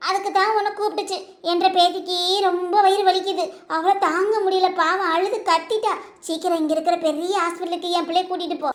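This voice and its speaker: A performer plays a fussy village grandmother in a doll-show drama, loud and doting as she frets. The voice is very high, with a roomy echo. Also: steady tone, fairly quick. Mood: fretting. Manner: calling out loudly, fretting.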